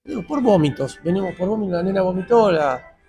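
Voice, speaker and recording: Gravelly high-voiced Argentine man. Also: lively intonation, fast, dark tone, faint music behind. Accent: Argentine Spanish. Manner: retells dialogue in quoted voices, tense. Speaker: interviewee, father. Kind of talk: emotional personal account.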